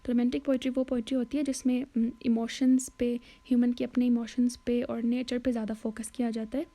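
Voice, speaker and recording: A woman tutor explaining a poem in a mixed Hindi and English lesson, with hesitant fillers and self-corrections, reading quoted lines slowly. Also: a little high, little pitch movement, warm tone. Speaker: literature tutor.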